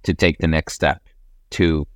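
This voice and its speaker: A man's voice: extremely low pitch, fairly even intonation, a little slow, no room sound, clean studio sound. A man from Ecuador, a guest on an interview podcast, talking about his life and work in an earnest, upbeat, motivational way. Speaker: podcast guest, real estate investor.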